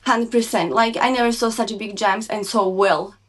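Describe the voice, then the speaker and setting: A woman from Slovakia with a Slovak accent, speaking English as a second language as a podcast guest, halting and full of fillers. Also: mid-range voice, steady tone, fairly bright tone, poor audio. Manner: halting, with many fillers and restarts. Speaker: podcast guest, snow biker. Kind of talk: casual interview chat.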